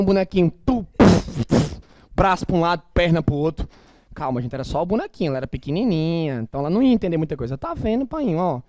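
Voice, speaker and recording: High, lively Northeastern Brazilian male teacher. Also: no echo. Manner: emphatic and animated, colloquial with blunt asides. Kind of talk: classroom lecture.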